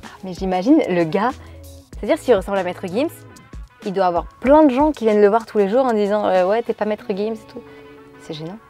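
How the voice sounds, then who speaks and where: A woman vlogger chatting casually, reading out viewers' stories and reacting to each one in an animated way. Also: medium pitch, quick pace, soft background music.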